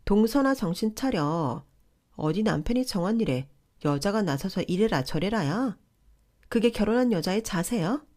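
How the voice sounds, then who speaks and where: A woman voicing a pushy, entitled older sister-in-law who scolds in a shrill, condescending way. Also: expressive, moderate pace, darkish tone, natural voice. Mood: scolding.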